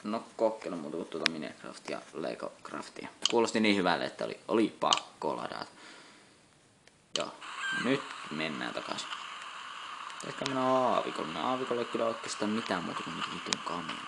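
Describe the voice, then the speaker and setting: A man's voice: low-pitched, very animated, vocal fry. A young man doing casual let's-play commentary, cursing often and muttering in exasperation. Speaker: gameplay commentator. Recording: loud noise behind the voice.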